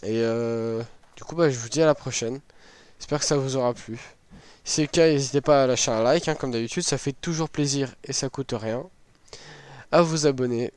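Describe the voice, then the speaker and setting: A man hosts a gaming video in a hoarse, worn voice that sounds sick. His pitch is average, and he explains things informally, with some hesitation. The recording is dry and close. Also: moderate pace, darkish tone, dry recording. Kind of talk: casual game item walkthrough.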